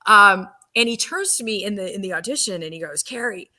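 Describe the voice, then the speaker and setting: A woman, an actress guest on a podcast, telling a lively anecdote with lots of laughs and acted-out quotes. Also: mid-range voice, a little fast. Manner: animated, laughs often, acts out quotes.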